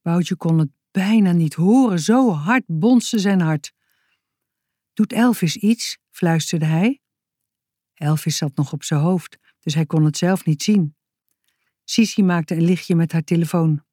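Slow, mellow woman reading a storybook. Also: lowish voice, no echo, clean studio sound. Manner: calm, measured storytelling. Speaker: narrator. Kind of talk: reading a children's book aloud.

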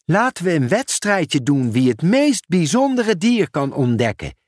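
A friendly storybook girl, encouraging and warm toward her classmate, as voiced by a man reading aloud. Her lines come slightly raised and lively, in a dry close recording. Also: a little high, measured pace, no room sound.

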